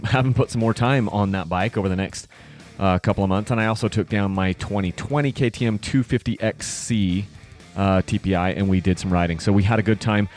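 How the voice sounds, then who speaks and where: A man in his late thirties hosting a solo podcast, talking casually in a rambling way with many fillers and restarts. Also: on the low side. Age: 30s. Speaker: podcast host.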